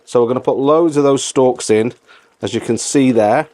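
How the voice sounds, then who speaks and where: A man's voice: medium pitch, normal speed, dark tone. A middle-aged man hosting a casual step-by-step cooking tutorial, repeating phrases for emphasis. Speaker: cooking channel host.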